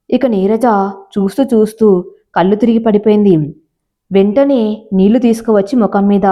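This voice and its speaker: A woman narrating a scripted story in a plain, steady storytelling manner. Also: mid-range voice. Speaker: audiobook narrator. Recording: slightly dull lo-fi audio.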